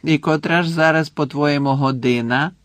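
A man's voice: a little high, steady tone, moderate pace, no echo, close to an everyday voice. A man voicing a fussy, haughty portrait lady who snaps at people, in a storybook reading. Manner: indignant, snapping.

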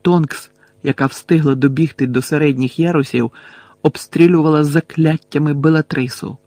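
A man narrates an audiobook in a dramatic, steady way, with a voice set a little higher than most men's. The recording is close and dry, with no room behind it. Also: moderate pace, no echo. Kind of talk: scripted narration.

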